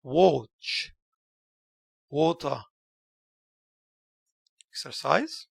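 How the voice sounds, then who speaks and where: A man's voice: fairly high pitch, big pitch swings, very slow, creaky, breathy edge, dry recording. A man with an Egyptian Arabic accent teaching English letter sounds, saying each letter and word and then explaining it. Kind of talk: recorded language lesson.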